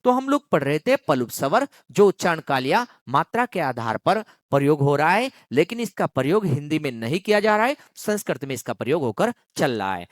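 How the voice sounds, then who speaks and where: A grammar teacher drills exam students through a lesson, repeating each key phrase several times and stopping to quiz the class. The voice moves widely in pitch, and it sounds dry and close, with almost no room echo. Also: big pitch swings, fairly quick, few pauses. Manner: draws out words to demonstrate long vowels.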